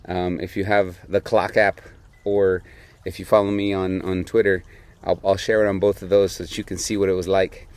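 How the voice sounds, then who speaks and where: Young adult male host with a lowish voice, relaxed anecdote delivery with lively quoted voices. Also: moderate pace. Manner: animated, laughs often, acts out quotes. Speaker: beer podcast host. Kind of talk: casual storytelling.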